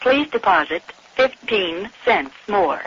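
Woman, recorded payphone call prompts, slow and clipped, dull lo-fi line. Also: mid-range voice, big pitch swings. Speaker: automated payphone operator recording. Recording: dull lo-fi phone line with faint noise.

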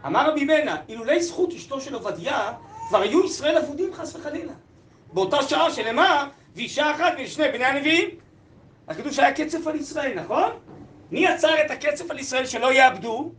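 A man with a very high, lively voice leads a text-study lesson. He reads from the sources, turns them into plain speech and keeps asking the class questions. He sounds roomy and echoey, as if in a classroom. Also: a little hiss or hum. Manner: asks the class questions, translates Aramaic aloud. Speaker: teacher.

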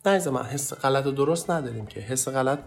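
A man's voice: medium pitch, gravelly, faint music behind. A man co-hosting a podcast in casual chat, earnest and sometimes heated, mimicking what others say. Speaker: podcast co-host.

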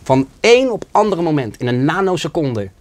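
A man's voice: fairly high pitch, very animated, brisk, darkish tone. A man giving an earnest, emotional personal testimony in an interview. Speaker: interview guest.

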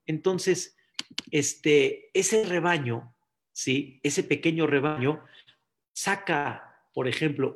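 A man giving a sermon as a rabbi, repeating phrases, calling listeners dear brothers and sinking to a soft near-whisper for emphasis. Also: fairly high pitch.

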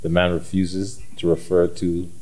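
A man's voice: low voice, completely flat delivery, measured pace, a crowd in the background, low-quality recording. A man with an urban Toronto accent telling stories casually, in emphatic, repetitive slang. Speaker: podcast co-host. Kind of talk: casual animated storytelling.

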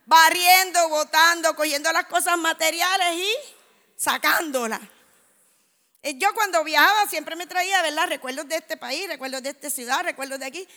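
A woman preaching a sermon, telling lively anecdotes and acting out the dialogue. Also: very high voice, normal speed. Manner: animated storytelling, acts out dialogue. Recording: echoey hall.

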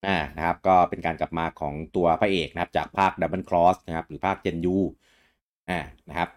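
A young man with a fairly low voice, co-hosting a relaxed gaming news chat. He reads news items in a steady, polite way and climbs sharply in pitch when something excites him. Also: normal speed. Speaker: co-host of a gaming news show. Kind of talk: casual chat.

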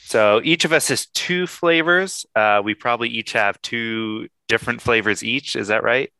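A man's voice: medium pitch, moderate pace, sharp tone, clean tone, no room sound. A man co-hosting a casual tasting show, chatting with friends and steering them along. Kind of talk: casual chat among friends.

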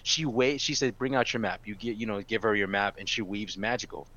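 A man co-hosts a casual podcast and tells his stories with animated energy and a lot of swearing. His voice is low-set and sharp, with a bright, tense edge. The audio sounds dull and lo-fi. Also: fairly quick. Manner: animated storyteller, swears freely. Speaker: podcast co-host.

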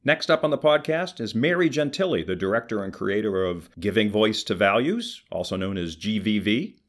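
A man hosting a podcast interview in a measured, friendly way. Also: lowish voice, animated. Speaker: podcast host.

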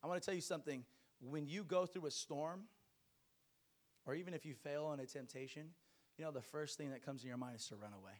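A man's voice: a little high, brisk. A man preaching a sermon to a congregation, exhorting them emphatically with rhetorical questions and repeated phrases.

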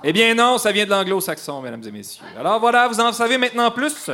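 Man, Quebec French accent, quiz host, animated, teasing, laughing. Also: sits high, fast. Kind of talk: playful quiz segment on air.

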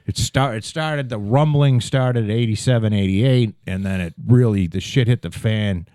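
A man's voice: fairly low pitch, normal speed, dark tone, smooth, no room sound, studio quality. A man in his fifties co-hosting a podcast in casual chat, rambling and swearing as he goes. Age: 50s. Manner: profane, rambling, trailing off. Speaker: podcast co-host.

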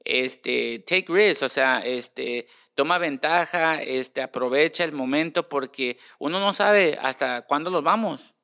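Bright-voiced joking man co-host. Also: a little high, takes it slowly, few pauses, smooth. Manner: joking, playful, teasing. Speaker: podcast co-host. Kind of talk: casual banter and advice.

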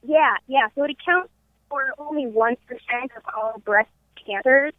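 Over a tinny conference call phone line, a high-pitched young woman in her twenties gives a casual, candid and upbeat podcast interview from her parents' house. She speaks at normal speed, and the sound is dry with no echo.

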